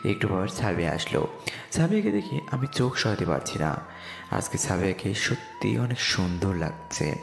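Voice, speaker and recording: A young man, serving as narrator and lead voice actor, tells a dramatised story in the first person. His low-pitched, creaky voice swings widely in pitch at a moderate pace. The recording carries echoey reverb with music behind it.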